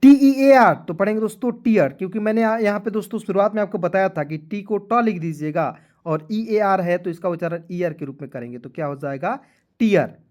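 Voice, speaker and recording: A man teaches a video lesson while tired. He spells words out one letter at a time, then pronounces them slowly. He checks in with his viewers often and speaks to them as friends. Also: sits high, darkish tone. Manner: keeps addressing viewers as friends, checking "clear?".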